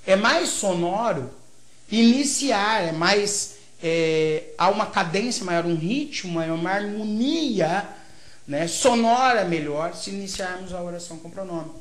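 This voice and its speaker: Speaking at a measured pace in a high, expressive voice, this Brazilian teacher delivers a grammar lecture with a Brazilian Portuguese accent. He breaks things down step by step and keeps confirming understanding with quick tag questions, all in a room with noticeable echo.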